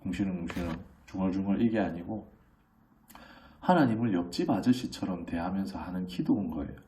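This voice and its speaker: Animated middle-aged Korean pastor preaching. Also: male voice, deep voice, brisk, far from the mic. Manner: animated, acts out children's voices in quotes; conversational, asks the congregation questions. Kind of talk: sermon.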